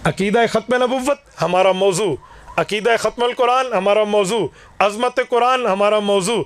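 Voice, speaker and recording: A man preaching a fiery sermon to a gathering, declaiming forcefully and acting out both sides of his own stories. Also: sits high. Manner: forceful, declaiming, acts out dialogues. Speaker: Islamic preacher.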